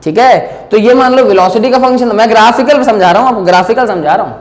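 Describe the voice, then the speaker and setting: High-voiced male teacher in an echoing classroom. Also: fast, muffled recording. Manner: explains step by step, mixes Hindi and English, keeps checking "clear hai?". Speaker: physics teacher. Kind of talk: classroom lecture at a board.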